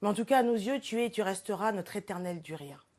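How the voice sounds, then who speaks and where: With an expressive, darkish mid-range voice and a fast pace, a woman who regularly presents portraits on the show performs a comic scripted tribute to a guest. She is playful, theatrical and pokes fun at herself.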